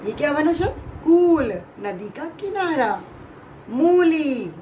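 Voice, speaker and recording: A woman teaching young children a grammar lesson, explaining slowly and clearly, stretching out sounds and often checking whether they have understood. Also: high-pitched, sing-song, mellow, slight background noise, rough recording. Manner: drawn-out sounds, frequent check-in questions. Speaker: Hindi teacher.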